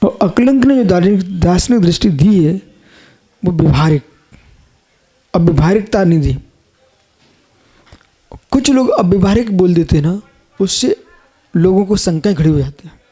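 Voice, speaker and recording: A man's voice: sits high, expressive, moderate pace, pauses often, dark tone, slightly rough. A man, a Jain monk, giving a live sermon, emphatic, repeating phrases and questioning his listeners directly.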